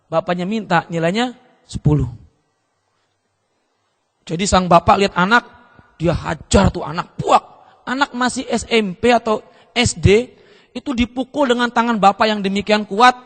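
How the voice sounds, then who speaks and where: A man preaching a seminar sermon, pitched high with a bright, forceful tone. He keeps the audience involved by asking rhetorical questions as he tells his story. Long reverb from the hall trails behind his voice. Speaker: pastor.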